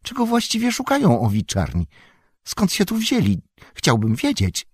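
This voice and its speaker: A man voicing an excitable, fussy middle-aged male innkeeper who rambles and frets. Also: high voice, normal speed, husky, dry recording, studio quality, voice pushed up, full character voice. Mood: fretful.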